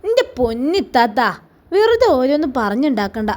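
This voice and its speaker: A woman's voice: high voice, sing-song, moderate pace, a little mellow. A woman voicing a fair-minded young woman who scolds a gossip in a reproachful tone.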